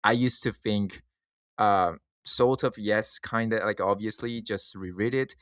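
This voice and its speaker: A man giving an informal reflective monologue as a video creator, thinking aloud in halting phrases with false starts. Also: fairly low pitch, fairly even intonation, a bit bright, clear, resonant tone, no echo, studio quality.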